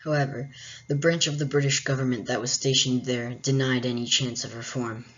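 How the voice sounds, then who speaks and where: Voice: medium pitch, steady tone, brisk, fairly bright tone. A host narrating a history explainer in a casual way, with wry, joking asides. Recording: dull, muffled lo-fi recording.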